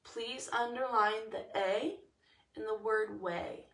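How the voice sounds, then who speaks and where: A woman's voice: on the high side, a bit bright, distant mic. A woman teaching a singing lesson, explaining each step and singing the lines to demonstrate. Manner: explains slowly, then demonstrates sung lines. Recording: roomy, from the mic, with ukulele.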